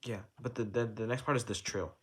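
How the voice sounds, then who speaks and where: A man's voice: on the low side, fairly even intonation, brisk, a little hiss or hum. A young man casually explaining how to play a rhythm game chart, counting out note timings aloud and swearing in passing as he restarts his sentences. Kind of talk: casual tutorial commentary. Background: rhythm game music.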